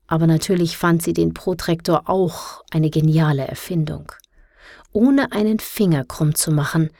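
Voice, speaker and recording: Low-voiced woman reading a story. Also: darkish tone, no room sound, studio quality. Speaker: narrator. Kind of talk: audiobook narration.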